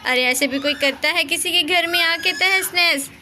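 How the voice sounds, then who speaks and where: A woman voicing a flustered village housewife in a doll storybook, exclaiming and gently scolding. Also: very high-pitched, normal speed, a little hiss or hum, pitched above the performer's own voice, exaggerated voice.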